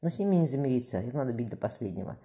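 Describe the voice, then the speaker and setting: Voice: medium pitch, sing-song, racing, warm tone. A reader voicing a stern, decisive Cossack ataman in an audiobook, speaking bluntly in old-fashioned speech. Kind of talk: audiobook character voice.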